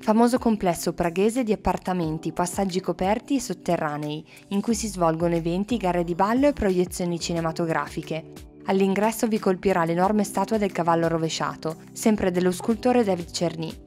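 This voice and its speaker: Her voice is on the low side and darkish, moving at normal speed, as this travel vlogger reads scripted narration with brief casual asides. Music runs beneath her throughout.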